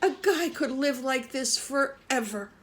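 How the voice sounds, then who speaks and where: A woman voicing an easygoing man in a picture book read aloud, high and exclaiming. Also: animated, measured pace, fairly bright tone. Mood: content. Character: ordinary man, easygoing then alarmed.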